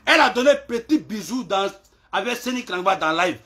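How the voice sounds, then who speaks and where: A man, ranting in a live social media clash video, taunting and repeating himself, shouting at times and dropping to low mutters. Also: animated, brisk. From Ivory Coast.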